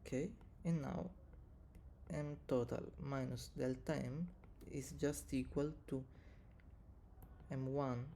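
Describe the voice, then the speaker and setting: A man who is not a native English speaker teaches physics step by step, dictating equations in short, halting pieces. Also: mid-range voice, fairly even intonation, vocal fry, mellow, a little hiss or hum. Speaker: physics tutor, video presenter. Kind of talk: step-by-step maths lesson, reading out equations.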